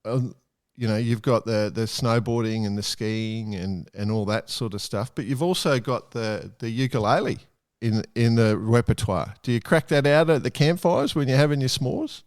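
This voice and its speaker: A man's voice: medium pitch, moderate pace, no echo, studio quality. A man hosting a podcast, asking long rambling questions and teasing his guest. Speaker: podcast host. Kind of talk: casual chat.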